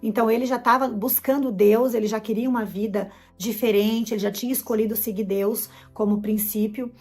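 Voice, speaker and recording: A woman's voice: on the high side, fairly even intonation, brisk, a little mellow, breathy edge, faint music behind. A middle-aged Brazilian woman with a Brazilian Portuguese accent, giving an emotional personal testimony and acting out her own past words as she tells it.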